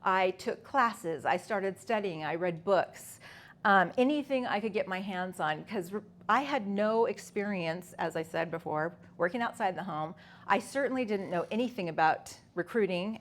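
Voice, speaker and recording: A woman's voice: medium pitch, moderate pace. A woman in her fifties speaking at a conference, telling her personal story conversationally with many fillers and restarts. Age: 50s. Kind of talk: personal story talk to an audience.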